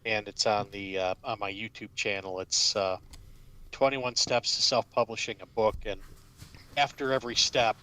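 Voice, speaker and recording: A man's voice: fairly low pitch, fairly even intonation, normal speed, sharp tone. A man talking casually as an author, rambling with fillers and restarts. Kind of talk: casual chat.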